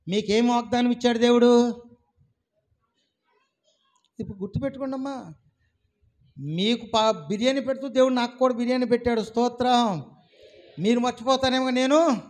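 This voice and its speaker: A man with a very high-pitched voice delivers a sermon as a pastor. He tells stories with animated, acted-out dialogue and keeps calling out questions to his congregation. His speech carries a flavour. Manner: animated storytelling, acts out a villager woman's words, calls out to the congregation.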